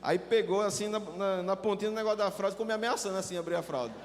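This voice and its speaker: A man's voice: high voice, racing. A male pastor tells a funny story in a sermon and acts out the voices of church members. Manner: humorous, acts out voices in anecdotes. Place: church sanctuary. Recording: long hall reverb, faint noise.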